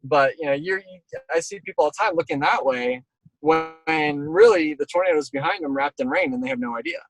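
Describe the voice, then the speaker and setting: A man's voice: fairly high pitch, sing-song, fairly quick, gravelly, poor audio. A middle-aged man speaking as an interviewed storm chaser, casual and reflective, talking in rambling stop-start phrases.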